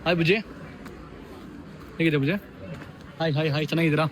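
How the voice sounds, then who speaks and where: A man's voice: on the high side, little pitch movement, fast. A young man hosting a casual party vlog, teasing and greeting guests as he walks around. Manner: playful, teasing, greets everyone. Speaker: vlogger host. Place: crowded indoor birthday party. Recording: noisy party crowd behind. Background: chattering crowd.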